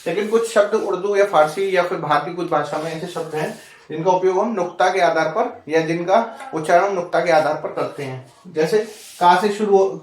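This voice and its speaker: A man teaching a Hindi grammar lesson for exam students. He explains step by step, repeats the example words, asks the class questions and keeps saying "okay" between points. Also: high-pitched. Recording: echoey room, voice from far off the mic.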